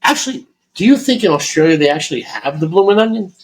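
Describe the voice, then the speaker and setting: A man's voice: fairly high pitch, big pitch swings, fast talker, poor audio. A man from Florida co-hosting a podcast, rambling through a casual chat in a heavily profane, restart-filled way. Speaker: podcast co-host.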